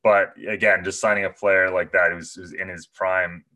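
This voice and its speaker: A man talking casually about soccer on a podcast, full of "like" and quick laughs. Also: low voice, flat delivery, bright, forceful tone. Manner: filler-heavy, laughs often. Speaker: podcast co-host. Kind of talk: casual sports chat.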